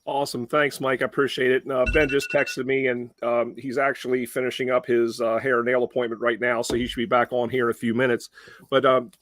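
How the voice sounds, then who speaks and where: A man with a Mid-Atlantic Delmarva accent hosts a casual firefighter webcast, chatting along with lots of uh and um. His mid-range voice is a bit bright, slightly fast and flat in delivery.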